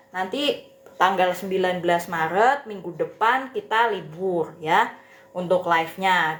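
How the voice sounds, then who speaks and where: A woman's voice: medium pitch, echoey room, a little hiss or hum. A woman teacher, chatting casually to viewers of her live stream with many fillers and tag questions. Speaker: Mandarin teacher.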